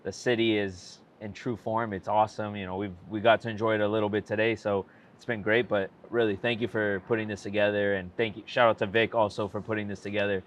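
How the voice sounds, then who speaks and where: A man hosting a podcast, upbeat and welcoming in a casual interview, handing out shout-outs. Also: on the low side, little pitch movement, quick pace, few pauses, a little hiss or hum. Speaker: podcast host.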